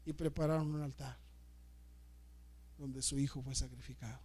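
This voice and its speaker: Male pastor, middle-aged, emotional sermon, repeats himself, loud and soft swings. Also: medium pitch, steady tone, normal speed. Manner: emotional, repeats words, dramatic swings in loudness. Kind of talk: sermon with storytelling.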